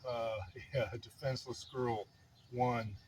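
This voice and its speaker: A grandfatherly older man chats casually, slightly out of breath, as if settling in to tell a long story. His delivery rambles, with wry, mock-dramatic self-pity. He is recorded outdoors, with clear background noise and birdsong around him. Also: mid-range voice, little pitch movement, slow, poor audio. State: somewhat breathless. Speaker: vlogger telling a personal story. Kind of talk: casual fireside chat monologue.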